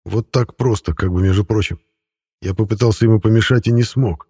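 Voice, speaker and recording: A man narrating an audiobook in the first person with a wry, even storytelling manner. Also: fairly low pitch, brisk, breathy edge, no room sound, clean studio sound.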